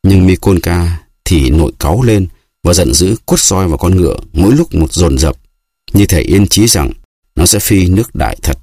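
A man with a very deep, husky voice reading a classic novel aloud in steady, expressive audiobook narration. The recording is dry and close with no room sound. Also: moderate pace, dry recording.

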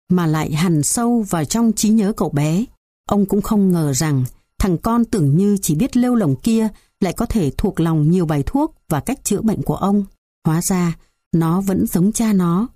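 A woman narrating a folk tale in a measured, dramatic storytelling manner. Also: fairly low pitch, mellow, no echo, studio quality.

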